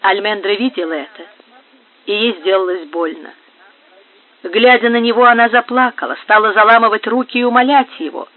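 High-voiced man narrating an audiobook. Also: fairly even intonation, fairly quick, no room sound. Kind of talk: scripted narration of a romance novel. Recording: narrow phone-like sound.

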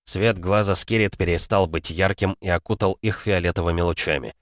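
A man's voice: low-pitched, steady tone, fairly quick, dry recording, clean studio sound. A man narrating a fantasy audiobook in a dramatic storytelling manner.

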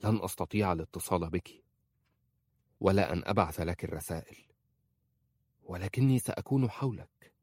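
A tender yet resolute young husband in an audiobook, murmuring his promises in a very deep, quiet voice, as a male narrator voices him. The read is close and dry. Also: lively intonation, a little fast, pauses often, breathy edge, no room sound, full character voice. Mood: earnest.

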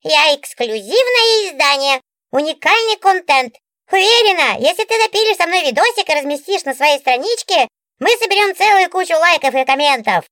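A woman's voice: very high-pitched, expressive, moderate pace, fairly bright tone, no echo, studio quality, pitched above the performer's own voice. A woman voicing a capricious female talking book, a pouty diva with an affected, whiny way of talking. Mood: indignant. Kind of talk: audiobook character voice.

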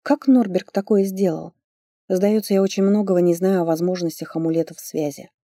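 A woman narrating a first-person fantasy audiobook with lively, expressive storytelling. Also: on the low side, brisk, no room sound, clean studio sound.

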